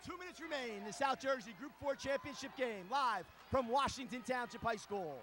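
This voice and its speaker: A man calling live high school basketball play-by-play in a gym, in brisk, clipped calls that rise to shouts. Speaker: play-by-play announcer. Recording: crowd noise and hiss behind.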